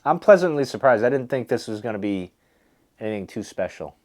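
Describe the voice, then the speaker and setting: A man's voice: medium pitch, expressive, fairly quick, darkish tone. Man casually musing through a review. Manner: musing, hesitant, thinking aloud. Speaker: pipe tobacco reviewer hosting a video. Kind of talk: casual rambling product review.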